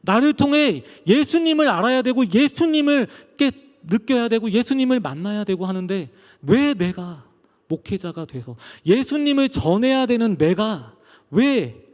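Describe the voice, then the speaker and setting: A man's voice: extremely high pitch, sing-song, measured pace, in a large hall. A middle-aged male pastor giving an emotional testimony sermon, his delivery rising and falling.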